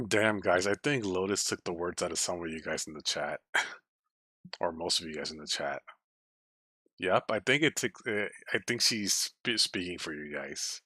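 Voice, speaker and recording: A man's voice: low voice, animated, slow, long pauses, bright, forceful tone, breathy edge, no echo, studio quality. A man streaming, reading a visual novel aloud, with casual, swearing reactions to the chat.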